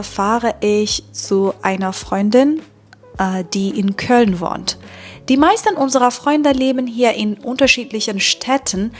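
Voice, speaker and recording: Slow, clear-spoken woman vlogger. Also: on the high side. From Iran. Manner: slow and deliberate, with filler sounds. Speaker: German teacher and vlogger. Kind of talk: slow, clear vlog narration for learners.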